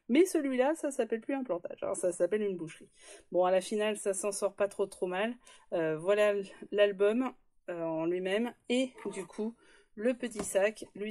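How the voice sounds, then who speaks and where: A woman's voice: mid-range voice, dark tone. A woman hosting a casual scrapbooking tutorial, chatty and joking, with many hesitations as she shows her work.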